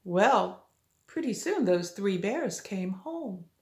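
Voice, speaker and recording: An older woman with a sweet old lady manner tells a children's story as a grandmother, gently coaxing the listener with little questions. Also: mid-range voice, big pitch swings, takes it slowly. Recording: roomy, echoey home recording.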